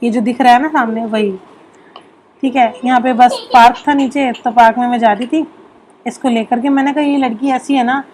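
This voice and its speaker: A woman's voice: a little high, steady tone, moderate pace, darkish tone, a little hiss or hum. A young woman, a mother of two, narrating a casual family vlog in a chatty, homely way while getting over a sore throat. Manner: chatty, homely, full of fillers like "theek hai".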